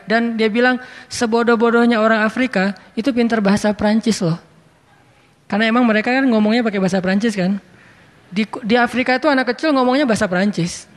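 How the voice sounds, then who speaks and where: High-voiced man preaching in reverb. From Indonesia. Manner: conversational, anecdotal, quotes Arabic verses. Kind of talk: religious talk. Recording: long reverb.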